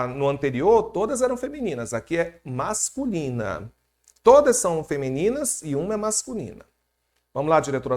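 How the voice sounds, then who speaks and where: A man with a Brazilian Portuguese accent teaching an exam-prep grammar lesson, lively and jokey as he quizzes the class. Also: a little high.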